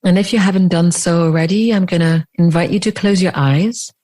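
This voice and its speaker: A woman with a fairly low, warm voice leads a guided meditation as a teacher. She speaks in deliberate phrases separated by long pauses.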